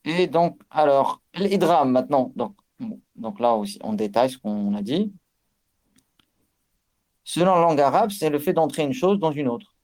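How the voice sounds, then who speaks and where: A man's voice: on the high side, animated, moderate pace, pauses often, darkish tone. A man giving a religious lesson on recitation rules, explaining with fillers and restarts and chanting Arabic examples. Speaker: religious teacher. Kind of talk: tajwid lesson.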